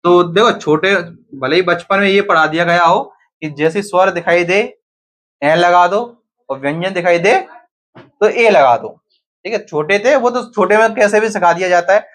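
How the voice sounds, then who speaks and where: A man's voice: high-pitched, moderate pace, fairly bright tone. A man teaching a grammar lesson to a class, often asking students questions and then answering them himself.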